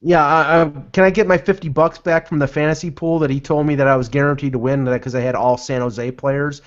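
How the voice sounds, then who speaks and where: A man's voice: on the high side, fairly even intonation, a little fast. A man giving casual, opinionated sports commentary as a podcast panelist on a remote online call. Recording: dull lo-fi online call audio.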